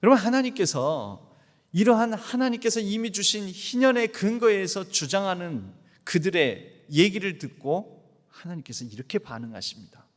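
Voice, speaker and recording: A male senior pastor with a Jeolla accent preaches a Sunday sermon and speaks straight to his congregation. His voice sits a little high and swings widely in pitch as he presses each point. A long church reverb carries after him. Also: moderate pace. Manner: animated, emphatic preaching that addresses the congregation directly. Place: church sanctuary.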